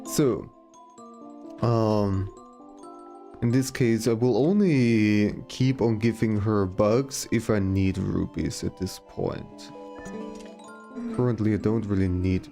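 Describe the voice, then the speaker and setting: Very low-pitched woman casually streaming a game. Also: slow pace, pauses often, mellow, soft background music. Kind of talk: casual gameplay commentary.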